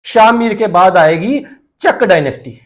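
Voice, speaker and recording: An exam coaching teacher delivers a classroom lecture in a high, animated male voice at a measured pace. He calls his students "kids," repeats key points, and poses questions only to answer them himself.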